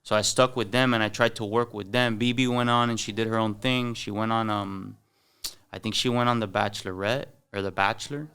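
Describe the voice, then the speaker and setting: A young Cuban-American man from Miami, appearing as a podcast guest, keeps the casual chat slangy and loose, weaving in Spanish words and many "like"s and "bro"s. His lowish voice is steady, brisk, fairly bright, clear, and resonant.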